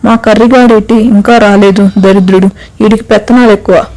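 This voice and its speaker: A woman's voice: medium pitch, fairly even intonation, a little fast, a little mellow, natural voice, rough recording. A woman voicing a bold village woman who speaks in rustic, blunt, scolding talk.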